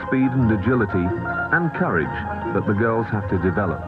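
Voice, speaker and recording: A man reading scripted documentary narration in a measured, even way, heard from a worn VHS tape copy. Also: on the low side. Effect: worn VHS tape copy, muffled and lo-fi. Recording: muffled worn videotape with music behind.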